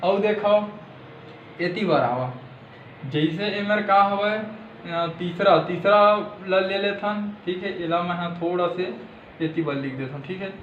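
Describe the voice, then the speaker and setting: A man's voice: high-pitched, takes it slowly, fairly bright tone, roomy sound, muffled recording, a little hiss or hum. A man with a Chhattisgarhi accent teaching a maths lesson step by step, often checking in with "thik hai" and calling viewers friends.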